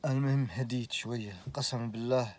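A man in his late twenties with a Saudi accent, telling a personal story casually, animated and full of oaths. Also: mid-range voice, fast talker. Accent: Saudi Arabic. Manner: animated, swears oaths, laughs through the story.

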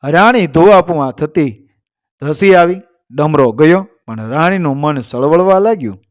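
A man narrating a traditional folk tale in a steady storytelling manner. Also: fairly high pitch, a little slow, dry recording, clean studio sound.

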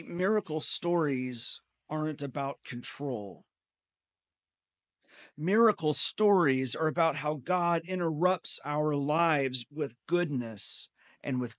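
A middle-aged male pastor delivers a sermon from a church pulpit, speaking into a gooseneck microphone. His voice sits a little high and moves at an unhurried, deliberate pace, with a dry, close sound. He tells personal stories with a gentle, wry humor. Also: no room sound. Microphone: pulpit gooseneck mic.

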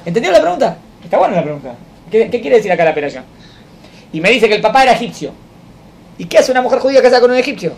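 High-voiced rabbi teaching a class. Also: male voice, big pitch swings, creaky. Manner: keeps checking understanding with the class; recites verse slowly, then explains. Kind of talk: classroom Torah lesson. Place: study hall with students.

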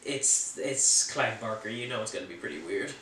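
A man's voice: on the low side, expressive, normal speed, sharp tone, distant mic, slight background noise. A man talking casually as a film reviewer, chatty and opinionated, with offhand jokes. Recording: roomy sound from off the mic.

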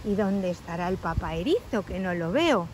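A woman narrating a toy-play story for children, speaking gently and addressing young listeners directly. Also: on the low side, expressive, normal speed, slight background noise, poor audio.

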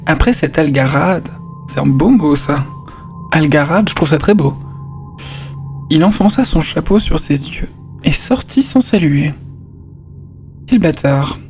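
A man's voice: a little high, lively intonation, measured pace, long pauses, a little mellow, faint music behind. Man reading aloud, casual asides. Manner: casual asides, stumbles over words.

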